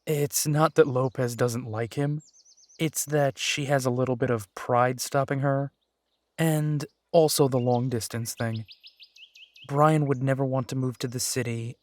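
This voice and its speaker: A thoughtful, soft-spoken man plays a werewolf detective and younger brother in an immersive roleplay audio drama, his humor dry and his manner gentle and wry. His natural, medium-pitched voice keeps a steady tone at a measured pace, with no echo.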